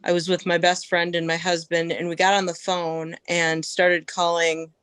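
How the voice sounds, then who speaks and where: Middle-aged woman, podcast guest, casual animated storyteller, dry close sound. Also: on the low side, moderate pace, clear, resonant tone, dry recording, low-quality recording. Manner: animated storyteller, acting out quoted speech. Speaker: podcast guest, melanoma survivor.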